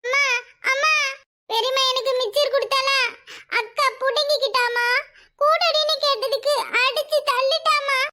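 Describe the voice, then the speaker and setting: Lady doing a teeny whiny cartoon girl, squeaky high and tearful. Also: level tone, moderate pace, sharp tone, a little hiss or hum. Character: small weepy little girl, tattling to her mother.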